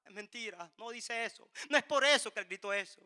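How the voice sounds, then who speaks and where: High, bright-voiced man preaching fervently. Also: fairly quick, clear, resonant tone. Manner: impassioned, repetitive preaching with rising cries. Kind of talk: sermon.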